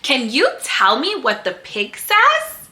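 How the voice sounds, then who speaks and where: Woman, toddler-teaching sing-song, extremely high pitch, very slow pace, encouraging, exaggerated, roomy echo. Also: wildly swooping pitch, pushed and bright. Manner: exaggerated, encouraging, simple phrases with pauses for replies. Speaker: children's educator host.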